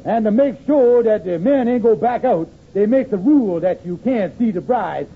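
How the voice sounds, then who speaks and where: A man's voice: sits high, lively intonation, normal speed, creaky. A man playing a blustering, scheming henpecked husband in an old-time AM radio comedy, speaking a folksy ungrammatical dialect. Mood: grumbling. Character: blustering, henpecked lodge-leader husband, scheming and easily cowed. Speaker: comic actor. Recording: tinny, noisy old AM radio recording.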